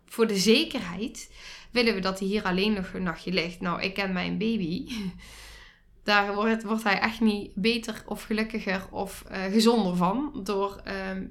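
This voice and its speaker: A woman's voice: mid-range voice, a bit bright. A young woman hosting a podcast, telling a personal story with emotion, frequent restarts and bursts of laughter, still a little foggy from a concussion. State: recovering from a concussion, a bit foggy. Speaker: podcast host.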